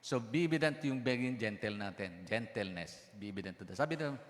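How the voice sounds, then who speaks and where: Long church-hall reverb surrounds a pastor whose lowish voice has lively intonation and a slightly fast pace. He preaches a sermon, mixing in English phrases, asking the congregation questions and coughing persistently.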